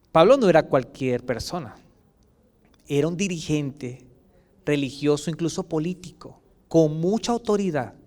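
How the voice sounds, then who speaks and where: A man with a Chilean Spanish accent preaching a sermon as pastor, swinging between loud outbursts and soft asides and acting out quoted voices. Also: fairly high pitch.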